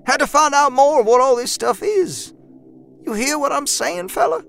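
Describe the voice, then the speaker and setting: A man voicing a young, rough-spoken country man with a folksy slang drawl, eager and haunted, in an audiobook. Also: very high voice, expressive, normal speed, fairly bright tone, soft background music, voice pushed up, heavily acted. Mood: excited. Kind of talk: audiobook character voice.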